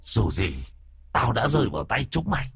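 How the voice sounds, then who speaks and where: A man's voice: sing-song, moderate pace, gravelly, husky, exaggerated voice. A man voicing the vengeful ghost of a murdered young woman, eerie and accusing, in a spoken ghost story. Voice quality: eerie, high and shrieking. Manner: accusing, bitter, at times pleading.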